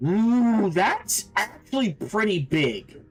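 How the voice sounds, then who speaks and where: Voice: medium pitch, big pitch swings, takes it slowly, a little mellow, faint music behind, low-quality recording. A game streamer giving casual gameplay commentary, thinking aloud.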